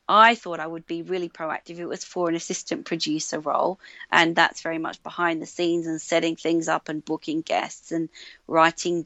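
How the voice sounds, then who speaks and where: Chatty Australian woman, low voice. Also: dry recording. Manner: chatty, animated, frequent fillers and restarts. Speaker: radio producer and guest. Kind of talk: conversational interview. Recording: dull lo-fi sound, dry.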